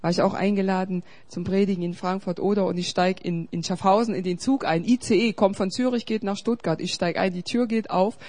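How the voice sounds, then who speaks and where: A woman pastor preaching a sermon, swinging between loud, urgent exhortation and quiet, confiding storytelling. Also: mid-range voice, fairly even intonation, fairly quick, hardly any pauses.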